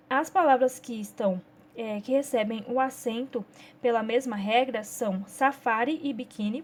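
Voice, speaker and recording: High-voiced patient Brazilian teacher. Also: female voice, slight background noise. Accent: Brazilian Portuguese. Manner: patient, explains step by step, checks in often with "ok?". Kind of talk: workbook lesson for children.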